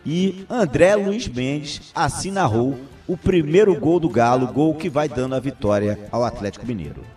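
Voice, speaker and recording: Dark-voiced Brazilian man analysing football. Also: a little high, expressive, moderate pace, recorded from a distance, soft background music. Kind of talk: unscripted football commentary.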